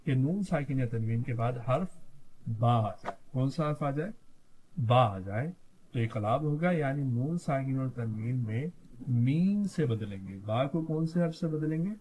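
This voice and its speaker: Slow, patient man teaching recitation. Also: mid-range voice, lively intonation, a little mellow, rough recording. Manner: patient, spells letters one by one, asks and answers own questions. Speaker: Quran reading teacher. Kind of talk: slow spelled-out recitation lesson.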